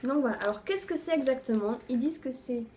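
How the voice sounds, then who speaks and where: A woman beauty vlogger casually reviewing her monthly favorites, chatty, filling pauses with "voilà" and often trailing off softly at the ends of phrases. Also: high voice, expressive, a little hiss or hum.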